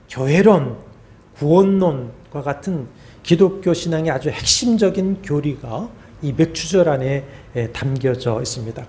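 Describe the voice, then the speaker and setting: A man preaching a sermon as a pastor, in measured phrases with pauses and fillers, his voice dropping at the ends of phrases. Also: fairly high pitch, mellow. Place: church sanctuary.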